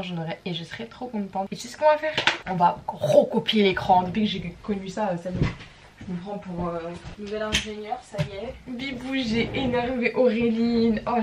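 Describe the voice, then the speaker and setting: A woman's voice: mid-range voice, background noise. A young woman, chatting casually in a bubbly, playful vlog and dropping English slang. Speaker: vlogger.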